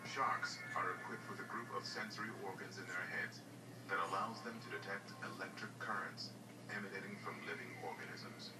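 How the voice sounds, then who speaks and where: A low-pitched man delivers scripted nature documentary narration. His voice sounds roomy, with loud music playing behind it. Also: fairly even intonation, a little fast, distant mic. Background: loud background music.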